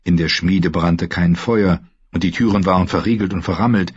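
A man narrating a story in a calm, measured storytelling manner. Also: sits low, slightly rough, dry recording. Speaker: audiobook narrator. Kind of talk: scripted narration. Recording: dull lo-fi recording.

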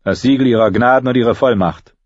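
A haughty, curt city-watch officer, played by a male reader in a storybook, speaking loud and commanding. The husky voice sits in a dry, slightly dull recording. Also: medium pitch, brisk, dry recording, voice pushed up, natural voice.

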